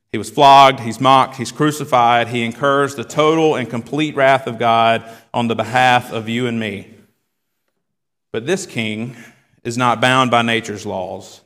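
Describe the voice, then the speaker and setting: A man's voice: mid-range voice, a bit bright. A male pastor preaching a sermon and reading scripture aloud, voicing the quoted cries with rising force. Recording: long hall reverb.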